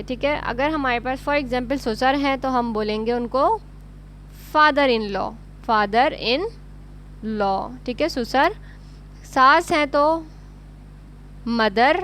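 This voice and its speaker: A woman's voice: high voice, a bit bright, a little hiss or hum. A woman with a Pakistani Urdu accent teaching a beginner English lesson, patiently repeating and spelling words out letter by letter.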